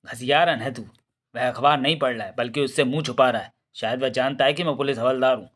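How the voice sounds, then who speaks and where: A man's voice: medium pitch, fairly even intonation, fairly bright tone, natural voice. A man voicing a brash, bumbling male police constable who blusters and threatens. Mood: blustering. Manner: blustering, coarse, quick to threaten.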